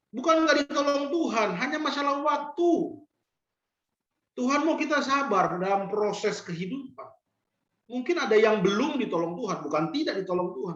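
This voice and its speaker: A male pastor delivers a sermon, pressing the congregation with direct questions and slowly repeating his main lines. His voice carries through a roomy space with some echo. The recording sounds a little dull and lo-fi. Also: extremely high pitch, a bit bright.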